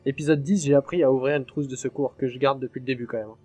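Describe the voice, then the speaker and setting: This gaming channel host comments on his own horror playthrough, talking fast in a mid-range, dark-toned voice with fairly even intonation. He chats easily, jumps at scares, and curses freely when startled. Soft music sits in the background of the let's play.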